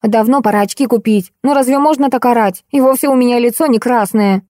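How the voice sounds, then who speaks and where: A woman reading the lines of an irritable, sharp-tongued young woman in an audiobook, with a mellow voice. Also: a little high, brisk, no room sound, studio quality, voice pushed up, close to an everyday voice. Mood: irritated. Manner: hissing, irritable.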